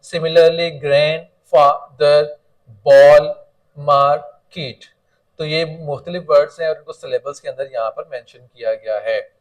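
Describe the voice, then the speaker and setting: A man teaching a lesson online. He reads each line slowly and then explains it quickly in Hindi-Urdu. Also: a little high, fairly even intonation, poor audio. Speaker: English teacher.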